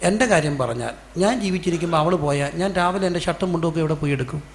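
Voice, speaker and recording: A male pastor from giving a sermon. He asks the congregation questions and answers them himself, and acts out quoted voices in sudden loud bursts. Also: fairly high pitch, quick pace, creaky, a little hiss or hum.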